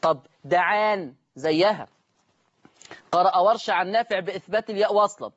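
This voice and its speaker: On a call-in lesson, an Egyptian man teaches Quran recitation, saying each word slowly and drawing out the recited forms. His voice is high and the sound is lo-fi.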